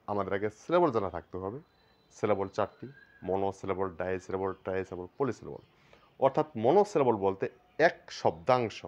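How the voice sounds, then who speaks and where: A Bangladeshi man teaches a grammar lesson, and his pitch rises and falls widely as he goes. He explains patiently, one step at a time, and repeats each term. The recording sounds dull and lo-fi. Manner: explains step by step, repeats terms, stretches words slowly to show syllables.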